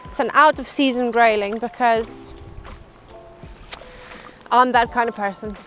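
Her voice is a little high and a little slow as she chats during a fly-fishing outing on a riverbank, mocking herself and growing excited when she hooks fish. Music plays in the background, and the camera microphone sometimes sits far off.

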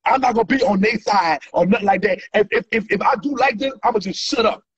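A high-voiced, husky man talks fast in a heated selfie-video rant, swearing angrily at his followers and repeating himself while gesturing wildly. He records indoors on a phone held at arm's length, and the audio is dull and lo-fi.

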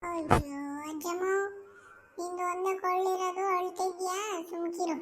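A woman's voice: very high-pitched, level tone, normal speed, a little hiss or hum. A woman voicing a cheeky young grandchild who talks in bossy, teasing chatter.

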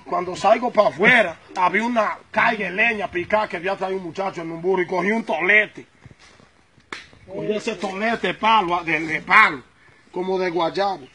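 A man with a Dominican accent telling a comic story in a casual, animated way, acting out the scenes. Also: high-pitched, moderate pace. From Dominican Republic. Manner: animated, acts out the scenes he tells.

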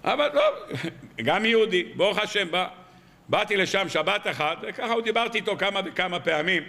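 Bright-voiced rabbi telling sermon stories. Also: male voice, sits high, big-room sound. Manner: tells anecdotes and fires rhetorical questions. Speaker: rabbi giving a weekly sermon. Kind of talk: storytelling sermon on the weekly Torah portion. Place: evening lecture hall.

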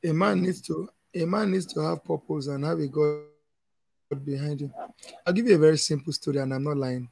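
A man's voice: a little high, fairly quick, vocal fry, darkish tone. A man in his thirties with a Nigerian English accent, answering questions as a conference speaker in an emphatic, preachy way, often laughing.

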